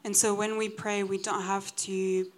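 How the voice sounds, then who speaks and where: A woman translating a preacher's sermon into English line by line, catching up after each phrase with small restarts. Her voice sits at a middle pitch and stays very level, with little rise and fall. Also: little pitch movement, normal speed. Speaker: interpreter.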